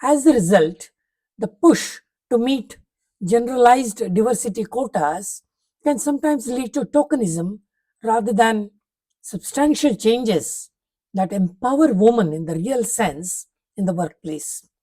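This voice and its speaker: A woman reading a prepared talk aloud, setting out numbered points in a measured, formal way. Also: on the high side, lively intonation, warm tone, low-quality recording.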